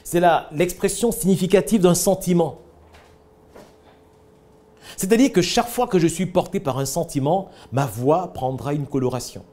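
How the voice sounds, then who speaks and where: Lively, emphatic male speaking coach. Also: fairly high pitch, normal speed. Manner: emphatic, lively delivery with acted-out examples and rhetorical questions. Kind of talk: teaching a public speaking class.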